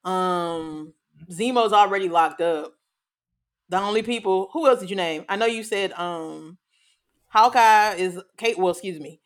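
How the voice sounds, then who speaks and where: A woman co-hosting a podcast in a casual chat, animated, often laughing and trailing off with ums. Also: medium pitch, measured pace. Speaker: podcast co-host.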